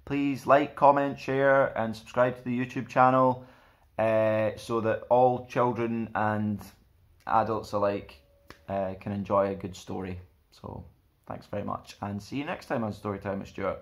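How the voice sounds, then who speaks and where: A young adult man reads a picture book aloud for children in an expressive storytime, presenting in a friendly manner. He speaks on the low side and takes his time. He's indoors in a small plain room, recorded at about arm's length from the camera.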